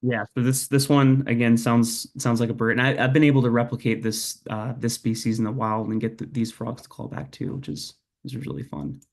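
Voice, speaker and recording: A man's voice: mid-range voice, level tone, brisk, vocal fry, few pauses. A young man giving a casual, hesitant lecture over a video call, with many fillers and restarts. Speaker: presenter. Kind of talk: online lecture presentation.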